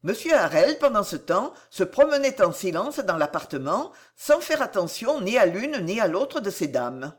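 A woman narrating a classic novel in a measured, expressive literary reading. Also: medium pitch, husky. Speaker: audiobook narrator.

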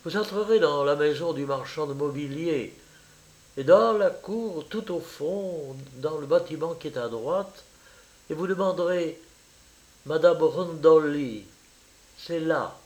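A man's voice: a little high, slow, poor audio. A man reading aloud and voicing a young woman who speaks in a hesitant, slightly awkward way. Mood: explaining.

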